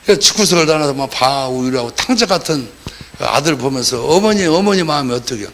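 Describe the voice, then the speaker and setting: A man's voice: a little high, expressive, a little fast, fairly bright tone, a little hiss or hum. A man preaching a sermon as pastor, talking in a colloquial way and acting out the voices of the people he quotes.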